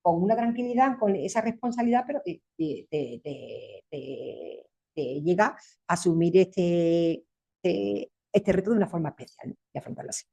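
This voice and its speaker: A reflective woman around fifty with a Spanish accent, speaking on a panel. Her voice is somewhat husky, and she often checks in with the listener at the end of a thought. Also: fairly low pitch, sing-song, moderate pace, warm tone. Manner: reflective, frequent tag questions. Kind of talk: panel discussion.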